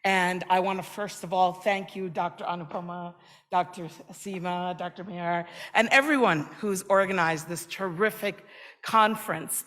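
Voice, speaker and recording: A woman's voice: mid-range voice, a bit bright, in a large hall. A middle-aged woman giving a friendly, conversational personal speech at a conference. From New York, USA. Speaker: invited speaker. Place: conference hall.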